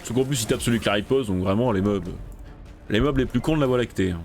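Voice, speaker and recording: A man talks over his game in a fairly low voice, swinging between loud, cursing outbursts at the game and quiet muttering as he thinks through his next move. Faint game music plays behind him. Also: quick pace. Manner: swears loudly in frustration, then mutters. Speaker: gaming video creator. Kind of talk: let's play commentary.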